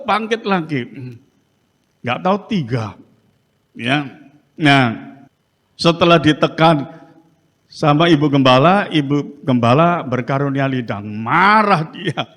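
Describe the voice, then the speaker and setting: Animated preacher in a reverberant church. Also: male voice, fairly high pitch. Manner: animated storytelling, frequent "ya" tags. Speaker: pastor. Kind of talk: sermon testimony. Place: church sanctuary.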